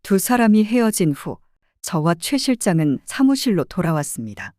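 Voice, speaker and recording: A woman playing a private detective narrates a dramatized true story, expressive and storytelling in manner. Her mellow, warm voice has lively pitch movement and a moderate pace. The recording is dry and close, with no echo.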